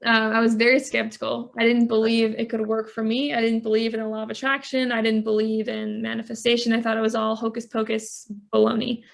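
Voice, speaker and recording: Gravelly-voiced woman life coach, flat delivery. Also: a little high, fairly quick, hardly any pauses. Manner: earnest, storytelling with many "like" fillers. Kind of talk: podcast interview.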